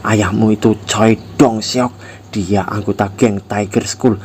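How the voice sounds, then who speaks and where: A man voicing a blunt, tough high school boy who was once a gangster, speaking in a curt, scornful and threatening way. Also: steady tone, takes it slowly, a little mellow, a little hiss or hum. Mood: cold scorn.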